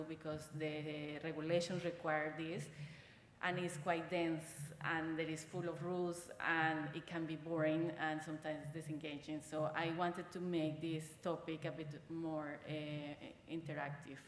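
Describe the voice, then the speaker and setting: A woman's voice: deep voice, slight background noise. A middle-aged woman from Colombia, speaking English as a conference speaker, hesitant with frequent fillers and restarts. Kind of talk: conference presentation. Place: conference hall. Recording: large hall with long reverb.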